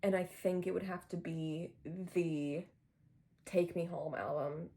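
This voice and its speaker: A young woman vlogging casually about her day, with a husky voice, relaxed and slangy, sometimes dropping to a whisper. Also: fairly low pitch, slow pace. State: husky from headaches. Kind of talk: casual vlog chat.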